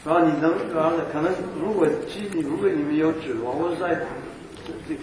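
A man leading a Bible study, giving group instructions in a halting way full of restarts and checks. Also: a little high, darkish tone. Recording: echoey hall, far from the mic, noisy.

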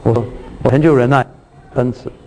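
A man's voice: mid-range voice, fairly even intonation, brisk, darkish tone, a little hiss or hum, poor audio. A man giving a sermon on a Bible passage, repeating and restarting his words, reading scripture aloud with lifted emphasis and often asking if his listeners follow. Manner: repetitive, restarts words, checks in with the audience. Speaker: preacher.

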